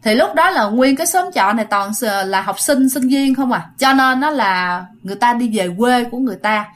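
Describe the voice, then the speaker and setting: A woman's voice: fairly high pitch, expressive, fairly quick. A woman with a Southern Vietnamese accent telling a ghost story in a chatty, casual way, talking straight to her listeners. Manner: chatty, addresses listeners directly, acts out quoted shouts.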